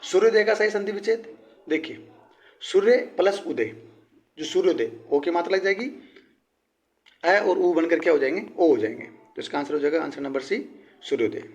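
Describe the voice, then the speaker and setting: A man teaching a Hindi grammar lesson for exam prep. He explains step by step, asks his own questions and answers them, and his voice drops low and quiet at the end of each answer. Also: lively intonation, moderate pace, long pauses, muffled recording.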